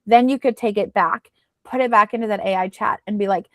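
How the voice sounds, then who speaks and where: A woman's voice: medium pitch, brisk, fairly bright tone, dry recording. A woman coach giving chatty, casual advice with plenty of fillers. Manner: chatty, advising, many fillers. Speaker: business coach.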